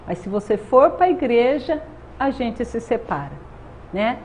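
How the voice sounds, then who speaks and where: Speaking in an animated, darkish, slightly high voice at a measured pace, a Brazilian woman in her thirties offers an earnest faith testimony in an interview, often saying "né?". Her accent is Brazilian Portuguese, and the audio is dull and lo-fi with faint noise.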